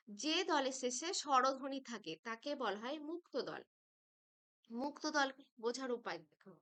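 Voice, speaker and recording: A woman teaching a school grammar lesson, patient and slow, stretching out syllables as she breaks words apart. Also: high voice, a bit bright.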